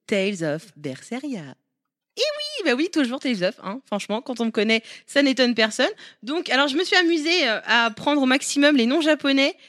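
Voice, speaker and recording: A woman's voice: high voice, sing-song, brisk, a bit bright, no room sound, clean studio sound. A woman co-hosting a casual gaming podcast, playful and teasing, laughing often as she presents a favourite game.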